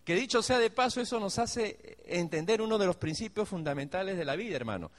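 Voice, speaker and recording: A man preaches a sermon straight to his congregation, acting out the pleas of worried believers in a raised voice. He speaks a little fast in a high voice with lively intonation, and the recording carries a long hall reverb.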